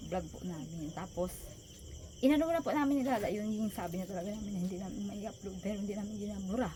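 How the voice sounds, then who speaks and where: A woman telling a personal story in a soft, halting voice, close to tears. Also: medium pitch, slight background noise. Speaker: vlogger and co-host.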